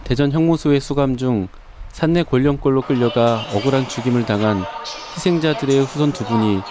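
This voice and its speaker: A man narrates a documentary in a formal, measured voice of middle pitch. Vehicle noise is clearly audible behind him.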